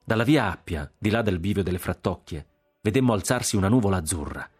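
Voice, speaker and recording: Deep-voiced Italian male audiobook reader. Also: expressive, fast, a little mellow, slightly rough, faint music behind. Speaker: audiobook narrator. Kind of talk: literary audiobook reading.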